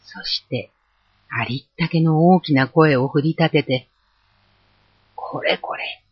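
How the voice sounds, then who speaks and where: A storyteller reading a folk tale aloud with an expressive, varied delivery. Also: medium pitch, measured pace, husky, dry recording. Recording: dull lo-fi recording.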